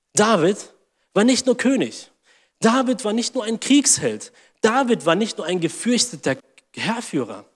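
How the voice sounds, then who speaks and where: Higher-voiced man preaching a sermon. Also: in a large hall. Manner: reads scripture aloud, acts out mocking inner voices.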